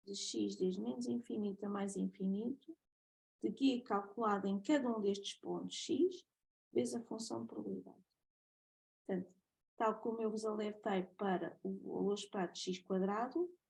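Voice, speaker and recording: A woman lecturer with a European Portuguese accent works through a math lesson, methodical and checking in with her students often. Her voice is husky with a gravelly creak. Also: medium pitch, a little mellow, poor audio.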